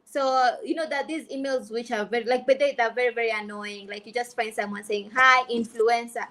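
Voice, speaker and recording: A woman's voice: a little high, fairly even intonation, fairly quick. A Kenyan woman speaking candidly on a panel, emphatic and repeating phrases for stress, slipping between English and Swahili. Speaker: content creator on a panel.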